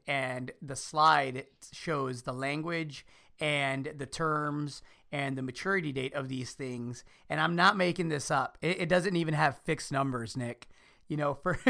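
A man's voice: on the high side, gravelly, bright, forceful tone. A man from Chicago co-hosting a finance podcast, talking upbeat and addressing listeners directly. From Chicago, USA. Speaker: podcast co-host. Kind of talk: casual finance podcast chat.

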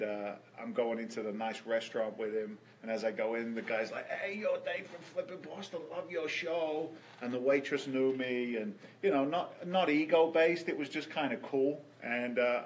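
A man from England with an English accent, telling personal stories in a casual conversation, with lively shifts in feeling and frequent repeated words. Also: medium pitch, moderate pace, few pauses, a little hiss or hum, low-quality recording. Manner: storytelling, animated, repeats words.

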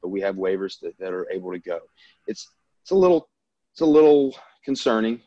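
A man's voice: sits low, lively intonation, brisk, no room sound, highs cut off. A man from Louisiana, an airline pilot talking in an easygoing, upbeat interview chat. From Louisiana, US South.

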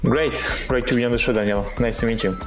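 A man answering interview questions as an expert guest, explaining step by step with halting, non-native phrasing. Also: mid-range voice, fairly even intonation, over music. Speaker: podcast guest, company product executive.

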